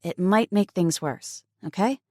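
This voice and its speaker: A woman reading an audiobook voices a kind teenage girl who talks in a soft, sweet, coaxing tone. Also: mid-range voice, unhurried, no room sound, clean studio sound, voice pushed up, natural voice. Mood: brisk. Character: kind teenage girl soothing a scared toddler.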